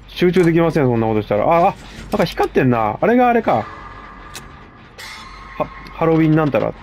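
A man with a gravelly voice, chatting casually and mocking himself as he comments on his own game play. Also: on the high side, darkish tone, a little hiss or hum. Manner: chatty, self-mocking, frequent laughs. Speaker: gameplay commentator.

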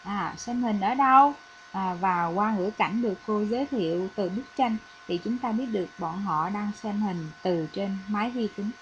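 A woman's voice: medium pitch, moderate pace, highs cut off, slight background noise. Vietnamese woman teaching English. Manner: patient, explanatory, with frequent "à" fillers. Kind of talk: recorded classroom lesson.

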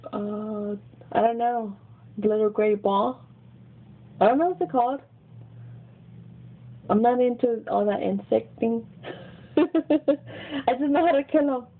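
Speaking into a webcam in her small bedroom, this young adult vlogger has a fairly high voice with vocal fry and a Mexican American accent. Raised in Texas and now based in Los Angeles, she's giggly and talkative, often repeating words. Her built-in webcam mic makes everything sound tinny and lo-fi.

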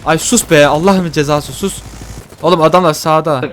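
A man giving casual, excitable commentary while playing a shooter game, joking and swearing at what happens. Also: fairly high pitch, normal speed, slight background noise. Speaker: gaming YouTuber. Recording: faint gunfire behind. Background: faint game gunfire and explosions.

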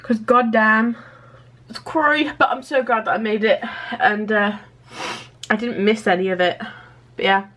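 A young woman vlogging at home into a handheld camera. Her voice sits a little high, and she chats along in an excitable way, full of fillers. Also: measured pace, pauses often. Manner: chatty and excitable, with many fillers. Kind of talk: casual daily vlog. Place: at home indoors.

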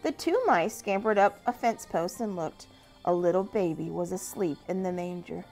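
A woman reading a picture storybook aloud to young church children, gentle and animated. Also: normal speed, faint music behind. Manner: gentle, animated reading with lively pitch swings.

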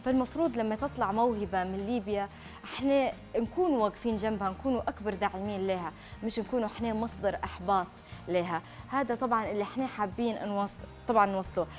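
Woman, Libyan accent, morning show host, fast-talking, earnest, TV studio. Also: medium pitch, faint music behind. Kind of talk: live TV talk show.

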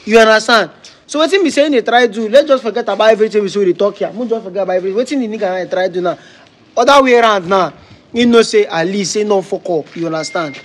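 A Nigerian man plays a peacemaker in a comedy skit, talking at a quick clip with a high voice. He lectures and persuades as he calms a quarrel. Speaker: mediator.

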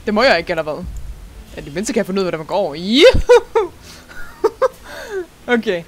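A young adult gaming host chatting through a let's-play in an excitable, giggly way, slipping English words into the commentary. The voice sits at a middling pitch, with a faint hiss of background noise behind it. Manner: excitable, laughs often, sprinkles English words into speech.

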